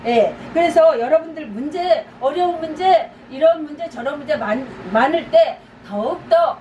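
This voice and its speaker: High, lively woman pastor, echoey. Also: moderate pace, highs cut off. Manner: repetitive, urging exhortations with light laughs. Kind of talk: conversational teaching sermon. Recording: echoey, distant, noisy room.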